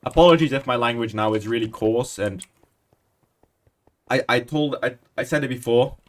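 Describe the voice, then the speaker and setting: This is casual Minecraft stream commentary from a man in his 20s, his voice medium in pitch and moderately paced. He's chatty and self-deprecating, wandering from thought to thought and murmuring as he enters commands.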